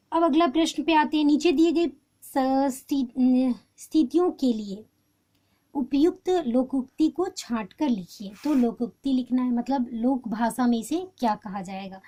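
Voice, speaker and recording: A woman's voice: high voice, unhurried, warm tone. A woman teaching a grammar lesson to schoolchildren, explaining step by step, repeating each answer and mixing in English words.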